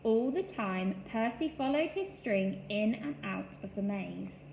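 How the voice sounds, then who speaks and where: A woman reading a children's story aloud in a slow, expressive storytelling style. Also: mid-range voice, gravelly, a little hiss or hum. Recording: echoey room, faint ambience.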